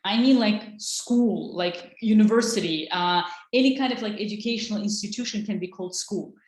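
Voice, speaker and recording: A woman's voice: mid-range voice, normal speed, darkish tone, roomy sound. A woman, teaching an online English lesson in an encouraging way. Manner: encouraging, switches between English and Azerbaijani.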